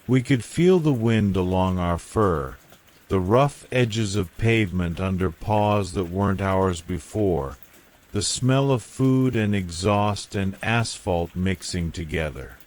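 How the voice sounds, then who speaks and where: A man narrating a scary bedtime story in a hushed, measured whispered style, as a scripted reading. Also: sits low. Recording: rain falling behind the voice. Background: steady rain sounds.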